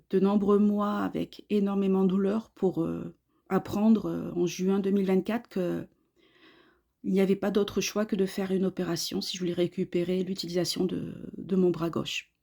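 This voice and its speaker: Mellow-voiced woman in her fifties. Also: mid-range voice, vocal fry. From Australia. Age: 50s. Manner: earnest, halting delivery in short phrases. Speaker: course student giving a testimonial. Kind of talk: personal testimonial monologue.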